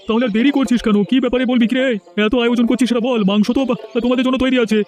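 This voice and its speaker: Man doing a rapid-fire anxious villager. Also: extremely high pitch, level tone, a little mellow. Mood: puzzled.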